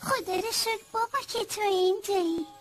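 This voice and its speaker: A woman voicing an eager, earnest young boy in a dubbed cartoon, pleading and excited. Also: very high voice, faint music behind. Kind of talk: cartoon dubbing.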